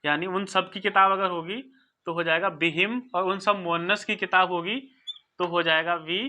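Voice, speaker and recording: A teacher giving a recorded lesson, explaining slowly and patiently, sounding out word forms and often checking that listeners follow. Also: mid-range voice, steady tone, pushed and bright. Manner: patient, repeats and checks understanding. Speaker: Arabic grammar teacher. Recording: dull lo-fi recording.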